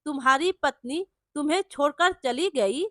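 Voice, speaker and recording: A woman's voice: high-pitched, moderate pace, a bit bright, no echo, studio quality. A woman voicing an elderly male wandering holy man in a storybook tale, speaking humbly as he begs for food. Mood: pleading. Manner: humble, begging.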